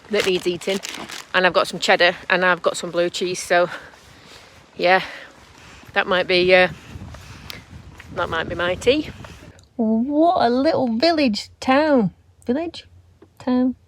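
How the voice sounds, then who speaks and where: A woman's voice: on the low side, dry recording. A woman chatting casually in a travel vlog, rambling and self-deprecating. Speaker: vlogger. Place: camper van and outdoors.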